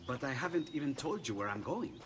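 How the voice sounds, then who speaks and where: An actor with an Italian accent playing an eager, inventive Italian man who talks with animated enthusiasm. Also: medium pitch, a little fast, lightly acted. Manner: animated, breathless enthusiasm, rising to cries of alarm. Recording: game audio under noise.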